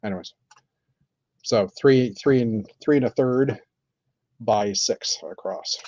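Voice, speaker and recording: A man chatting casually on a live stream while building, thinking aloud with many pauses and fillers. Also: medium pitch, noisy background. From Canada. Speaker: streamer building with toy bricks. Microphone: computer mic on live stream. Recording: dull lo-fi stream audio.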